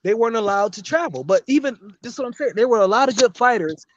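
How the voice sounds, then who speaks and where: A man's voice: very high-pitched, animated, quick pace, a little hiss or hum. A man in a heated, casual sports debate, emphatic and argumentative, swearing and repeating himself, on dull lo-fi audio.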